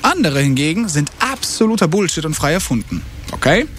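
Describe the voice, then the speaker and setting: A male radio host running an on-air quiz game with a caller, energetic and slangy, dropping in English words. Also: on the high side, fairly quick, slight background noise. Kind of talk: upbeat radio game show hosting.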